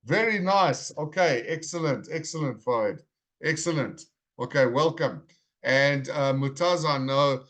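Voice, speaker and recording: Over a video call, a male English teacher leads an online class in a friendly, encouraging way, speaking at a normal mid pitch with a slightly bright tone. He slows down to repeat each student's name clearly.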